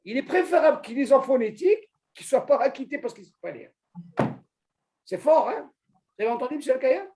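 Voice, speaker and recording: A Torah teacher leads an informal religious lesson for a small group, animated and brisk, posing questions and calling on a student by name. His voice is very high-pitched.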